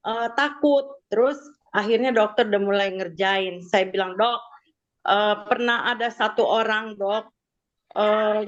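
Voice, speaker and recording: A woman giving a personal testimony at a church prayer service, talking in a halting way with frequent hesitations and acting out the prayers she spoke. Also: mid-range voice. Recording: dull lo-fi recording.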